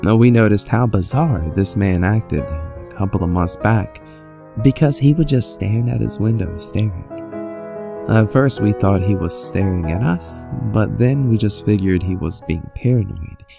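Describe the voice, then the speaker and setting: A man's voice: on the low side, measured pace, vocal fry. A man reading creepy first-person stories from a script in a conversational storytelling manner. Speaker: horror story narrator. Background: music bed.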